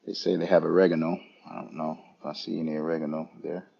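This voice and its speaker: A man live-streaming a relaxed walkthrough of an airport lounge, chatting casually to viewers as he points things out. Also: very deep voice, vocal fry, husky, lo-fi sound. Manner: casual, unhurried, talking to chat viewers. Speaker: travel vlogger.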